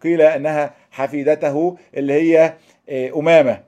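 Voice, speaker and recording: A man's voice: on the high side, steady tone, mellow, highs cut off. A man with an Egyptian Arabic accent giving a religious lesson, moving between formal recitation and colloquial explanation and posing rhetorical questions. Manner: rapid, thinking aloud with rhetorical questions. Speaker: preacher.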